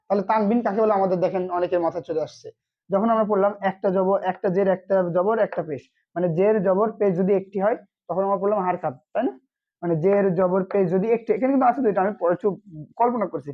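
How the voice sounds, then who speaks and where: Give me a brisk online Quran teacher who keeps asking and answering his own questions. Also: mid-range voice, dull audio. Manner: repeats questions and answers them himself. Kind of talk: online lesson.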